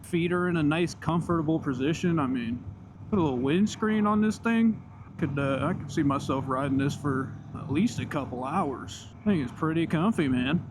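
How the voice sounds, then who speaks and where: A man's voice: on the high side, normal speed, few pauses. A man giving casual, slangy, enthusiastic but laid-back commentary while riding a motorcycle outdoors. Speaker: motorcycle vlogger. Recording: loud engine and riding noise.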